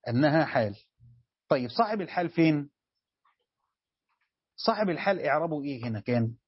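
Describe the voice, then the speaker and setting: A husky-voiced Egyptian man teaching as a sheikh, somewhat high for a man and questioning his class as he goes. He repeats key phrases to drive them home. The sound is dry and a little dull, like a lo-fi lesson recording. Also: expressive, brisk, no room sound. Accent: Egyptian Arabic. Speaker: sheikh teaching Quran commentary.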